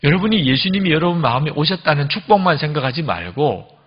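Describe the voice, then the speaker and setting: A middle-aged man preaching a sermon as pastor, earnest and confessional, with sudden emphatic rises in pitch. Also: expressive, fast talker, husky, long reverb tail, muffled recording. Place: church sanctuary.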